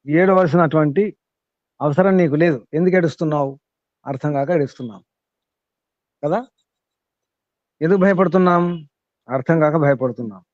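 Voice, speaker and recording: A man's voice: a little high, a little mellow, no room sound. Man teaching scripture, muffled dry sound. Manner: repetitive, questioning, emphatic teaching. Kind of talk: scripture class explanation.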